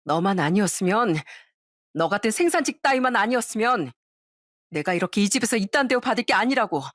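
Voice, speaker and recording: Casting: a sneering, arrogant young sister-in-law, voiced by a woman, pitched high and lively. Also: a little fast, dry recording, studio quality. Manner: sneering, contemptuous.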